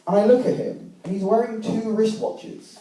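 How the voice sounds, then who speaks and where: A young man telling a self-mocking stand-up story with an animated, wry delivery at a live comedy venue. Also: sits high, normal speed, slight background noise. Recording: echoey room, voice from far off the mic.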